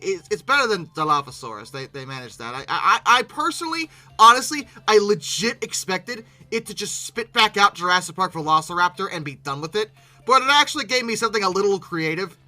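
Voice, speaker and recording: With music in the background, this reaction-video host talks off the cuff in a medium-pitched voice that is very bright and sharp. The delivery is exasperated and disbelieving, full of sudden animated outbursts, with halting repetitions whenever the creator gets flustered.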